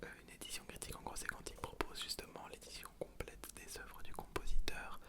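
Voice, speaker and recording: A man hosting ASMR in a breathy whisper, halting and softly repeating words. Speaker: ASMR host.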